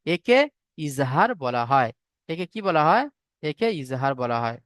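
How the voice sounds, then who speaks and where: A man's voice: mid-range voice, very animated, a little slow, fairly bright tone, dry recording, studio quality. A man teaching Quran recitation in an online class, patiently repeating and spelling out syllables. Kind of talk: online tajweed class lecture.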